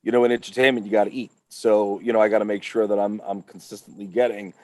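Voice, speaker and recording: A man's voice: on the low side, level tone, fast, dry recording. A man talking as a guest on a podcast, upbeat and emphatic, with motivational swings in his speech. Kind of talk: casual podcast chat.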